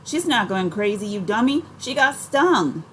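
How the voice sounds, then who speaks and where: A woman's voice: medium pitch, big pitch swings, unhurried, a bit bright, slight background noise, pitched above the performer's own voice. A woman doing a bossy, blunt boy. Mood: scolding. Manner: blunt, scolding.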